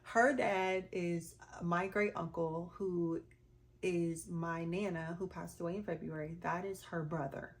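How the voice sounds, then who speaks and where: A woman's voice: on the low side, fairly even intonation, a little slow. A woman vlogger from the United States telling a candid personal story in an earnest, heartfelt, chatty way. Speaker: vlogger and small business owner.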